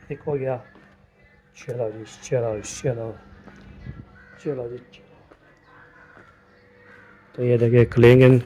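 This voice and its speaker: A man's voice: mid-range voice, a little mellow, a little hiss or hum. A man with a Pakistani accent chatting casually to his phone while vlogging around his village home, rambling and repeating himself with lots of filler phrases. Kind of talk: casual vlog talk to camera.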